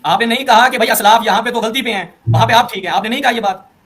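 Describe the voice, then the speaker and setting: A man's voice: very high-pitched, a bit bright. A man hosting a religious debate, pressing his opponent with pointed, sarcastic, challenging questions. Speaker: debate host.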